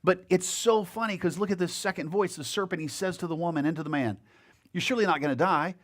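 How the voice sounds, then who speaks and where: Animated man preaching a sermon. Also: high-pitched, fast talker. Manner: conversational, animated preaching with asides to the congregation. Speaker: pastor. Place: church sanctuary. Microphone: handheld or headset mic.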